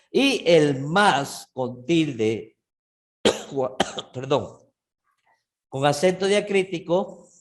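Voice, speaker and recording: Slow-spoken male language teacher. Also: on the high side. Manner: patient, checks in with frequent "¿sí?"; restarts and self-corrects often. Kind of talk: online language class.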